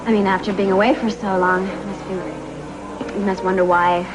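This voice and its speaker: An actress playing a grateful, thoughtful house guest in a television soap opera, polite and reflective. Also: female voice, mid-range voice, little pitch movement, normal speed, natural voice, rough recording. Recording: loud background music under dialogue.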